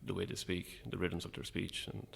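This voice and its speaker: A middle-aged Irishman, a playwright and actor, chats informally as a guest in a casual interview, modest and self-deprecating. His very low voice has a creaky, gravelly edge, and he speaks flatly at a normal speed.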